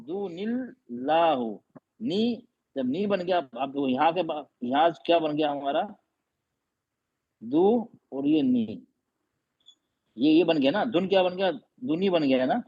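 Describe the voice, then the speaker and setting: A male teacher with a slightly high, husky voice takes his class through each step slowly and patiently. He keeps checking that the students have understood by asking them questions again and again. The audio is muffled and lo-fi. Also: expressive. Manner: patient, quizzing students repeatedly. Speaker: Quran teacher. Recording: dull lo-fi audio.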